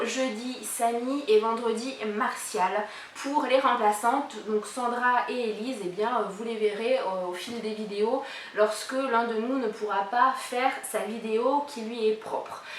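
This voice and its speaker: A little hiss or hum runs under this woman's slightly high, fairly bright voice, and the room echoes with the mic set a bit far off. In her thirties, she presents a collab YouTube channel, chatting through a tag's questions with plenty of fillers in a casual vlog.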